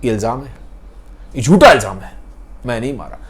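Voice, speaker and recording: A man's voice: mid-range voice, very animated, fairly quick, voice pushed down, close to an everyday voice. A man voicing a desperate young man who insists he is innocent, pleading and repeating his denials.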